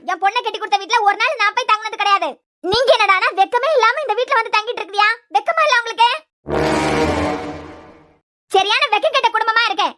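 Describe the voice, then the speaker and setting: A woman voicing a sharp-tongued, lecturing middle-aged aunt in a cartoon serial, in a Kanyakumari Tamil accent. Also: very high-pitched. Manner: scolding, lecturing, mocking.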